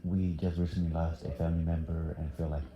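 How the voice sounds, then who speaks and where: A man's voice: deep voice, level tone, fast, reverberant, lo-fi sound. A teenage boy from Thailand answering interview questions casually, hesitant with many fillers. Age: teens.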